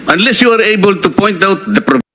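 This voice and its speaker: A man's voice: high voice, lively intonation, moderate pace, bright, forceful tone, a little hiss or hum. A man speaking as a lawmaker in a formal hearing, arguing points of law firmly and insistently, mixing English and Tagalog. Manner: firm and insistent, legalistic, mixes English and Tagalog.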